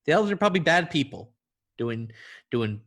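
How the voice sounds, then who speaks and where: A male comedy podcast co-host riffs playfully. His voice is bright and very lively in pitch, and sits a bit high for a man. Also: moderate pace. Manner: animated, riffing, playful. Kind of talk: casual comedic chat.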